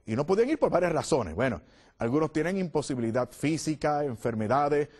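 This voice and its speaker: A man's voice: on the high side, lively intonation, brisk, a little mellow. A man preaching a sermon, telling the story with drama and acting out the voices of the crowd.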